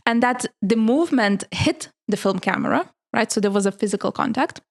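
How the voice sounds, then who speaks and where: A woman's voice: fairly high pitch, animated, fairly quick, vocal fry. A woman hosting a podcast, presenting news items from prepared notes in a casual chat with friends, laughing easily.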